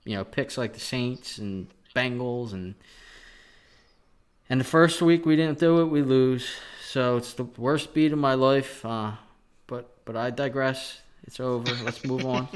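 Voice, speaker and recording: A man's voice: mid-range voice, measured pace, clear, resonant tone. A man hosting a sports betting podcast, talking casually and venting with sarcasm as he runs through picks and stats. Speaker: podcast host.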